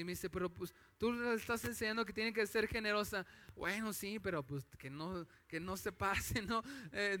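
A man's voice: sits high, bright, forceful tone. A man with a Mexican accent preaching a conversational sermon as a pastor, telling family stories in a chatty, anecdotal way.

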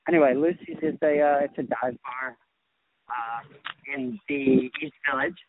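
Man, casual rambling chat, slightly high voice, tinny phone line, faint street hiss. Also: big pitch swings, gravelly. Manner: rambling, halting with many fillers and restarts. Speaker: podcast co-host. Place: walking outdoors in a busy city area.

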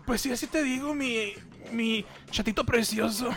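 A man's voice: very high voice, moderate pace. A man with a northern Mexican accent hosting in casual banter, full of border slang like bro and man. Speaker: show host.

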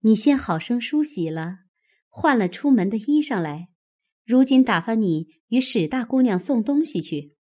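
A woman voicing a steady, motherly senior maid who gives calm instructions. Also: a little high, moderate pace. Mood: composed.

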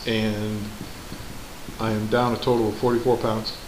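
A man's voice: lowish voice, flat delivery, moderate pace. New England man, casual co-host who rambles and laughs a lot, recorded in an echoey garage with some noise. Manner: rambling, restarts often, laughs easily. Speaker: podcast co-host. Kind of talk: casual chat. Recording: echoey room, background noise.

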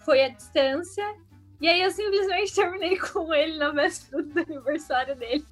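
High-voiced woman, self-mocking storytelling. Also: normal speed, faint music behind. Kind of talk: casual storytelling among friends.

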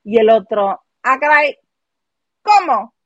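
A woman with a Mexican accent dishes gossip in a loose, animated chat, slipping into other people's voices as she retells scenes. Her voice sits a bit high. The sound is close and dry, with no room around it. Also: slow, no echo, lo-fi sound. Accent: Mexican Spanish. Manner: animated, mimics people in quotes. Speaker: host.

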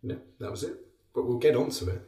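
A man's voice: medium pitch, lively intonation, quick pace, warm tone. A man with an Essex accent co-hosting a podcast in casual, dryly bantering chat. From Essex, England. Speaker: podcast co-host. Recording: roomy, echoey sound.

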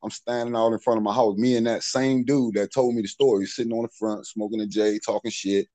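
A man's voice: on the low side, fairly even intonation, a little fast, mellow, dry recording, rough recording. A middle-aged man telling street stories in a casual, profane way, full of "you know what I'm saying.". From Maryland, USA. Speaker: podcast storyteller.

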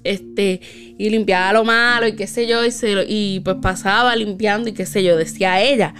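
A woman's voice: medium pitch, fairly even intonation, normal speed, a bit bright, soft background music. A woman casually telling a spooky personal story, with lots of fillers and tag questions.

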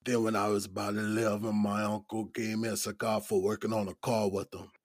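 An actor playing an older male inmate in his sixties with a deep, raspy voice and a Gullah Geechee accent, speaking in a slow, easygoing drawl. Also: flat delivery, no room sound, studio quality, close to an everyday voice. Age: 60s. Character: older male inmate, laid-back smoker. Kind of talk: audio drama acting.

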